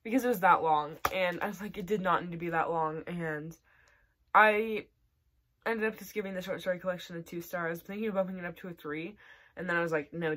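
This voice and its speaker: A woman's voice: on the low side, fairly bright tone. Chatty young woman reviewing books. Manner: chatty, many "like"s and "um"s, laughs. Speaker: book vlogger. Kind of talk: casual monthly reading wrap-up.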